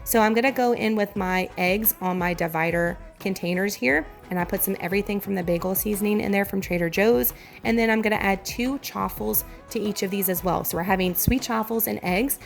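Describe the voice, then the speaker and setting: Southern us lady doing chatty meal prep voiceover, voice hoarse n giving out, bit creaky, music behind. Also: medium pitch, brisk. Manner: chatty, enthusiastic, addresses viewers directly. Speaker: home cooking vlogger.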